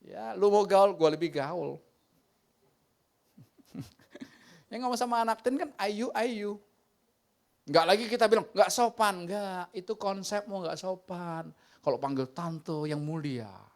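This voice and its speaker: Joking, animated male pastor preaching. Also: high voice, a little slow, vocal fry, pauses often. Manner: humorous, animated storytelling with slangy asides. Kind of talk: sermon. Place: church sanctuary.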